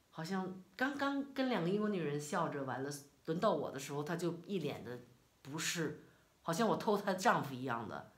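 A middle-aged woman from China, telling a personal story in a casual, animated, indignant way. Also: low voice. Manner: animated, indignant retelling with quoted dialogue. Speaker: vlogger.

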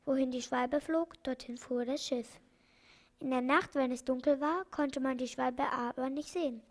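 A woman narrating a children's audiobook in a calm, clear read-aloud manner. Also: high-pitched, normal speed. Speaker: audiobook reader.

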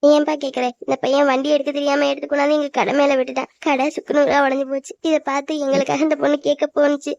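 A woman voicing an old village grandmother, quick and high. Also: level tone, vocal fry, darkish tone, no echo, highs cut off. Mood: lamenting. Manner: plain-spoken, lamenting.

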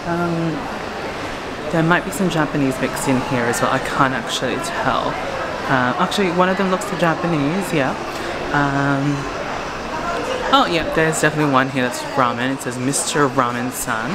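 Filmed selfie-style on a handheld camera held at arm's length, a young adult vlogger rambles chattily through a walking tour of streets and shopping centres, using fillers and side comments. The voice is mid-range at a moderate pace, and the recording is very noisy.

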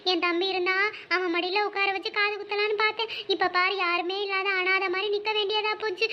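A voice actor playing a sly, poor village wife in a comic cartoon, pitched very high and shrill. She wails and whimpers theatrically. The sound is dull and lo-fi. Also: flat delivery, a little fast. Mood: fake sobbing.

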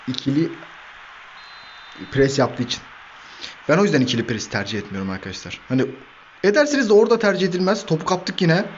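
A man hosting a gaming channel, giving lively commentary over his own football video game match, shouting player names and cursing at his players. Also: on the high side, lo-fi sound, slight background noise.

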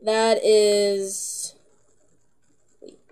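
A young teenage girl chatting to her camera in a loose, rambling vlog, with plenty of filler words and giggles. She talks slowly, in an unhurried drawl. Her tone is soft and mellow rather than bright. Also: mid-range voice, monotone, clear, resonant tone. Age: young teen. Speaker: vlogger. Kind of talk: casual chat to camera.

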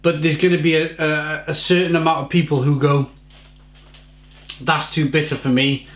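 Filmed indoors in his home kitchen by a fixed desk camera, a man chats through a casual beer review, repeating words and gesturing with his hands. His fairly high voice shows little pitch movement at a moderate pace, and the room is echoey.

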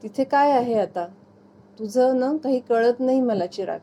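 A woman's voice: a little high, lively intonation, measured pace, warm tone. A woman voicing a shy, scolding young wife. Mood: exasperated. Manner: bashful, then exasperated.

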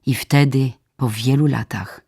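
In a radio theatre studio, a poetry reader with an extremely low, mellow, husky voice delivers a solemn, dramatic recitation for an audiobook. Her tone stays steady, and she moves slowly through short, deliberate, measured lines.

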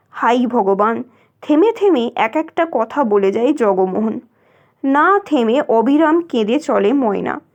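A woman reading a literary short story aloud in a measured narrating voice. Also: high-pitched, darkish tone, lo-fi sound. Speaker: story reader.

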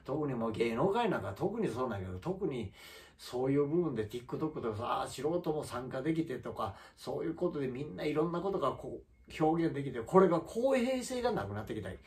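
A man's voice: medium pitch, sing-song, a little fast, darkish tone. Heated Kansai man ranting. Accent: Kansai Japanese. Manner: indignant, heated, talks in bursts with many fillers. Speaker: comedian and channel host. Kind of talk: solo vlog rant.

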